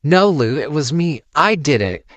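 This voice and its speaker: A man's voice: fairly high pitch, sing-song, measured pace, a bit bright, no room sound, pitched above the performer's own voice. A man voicing a distressed, pleading teenage boy in a horror story read aloud. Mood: desperate.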